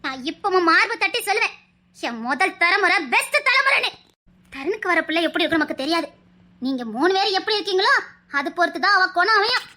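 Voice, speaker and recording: A woman's voice: very high-pitched, expressive, fast talker, bright, forceful tone, heavily acted. A woman playing an elderly mother-in-law who earnestly pleads and lectures her family, with a Tirunelveli Tamil accent. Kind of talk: family web-drama acting.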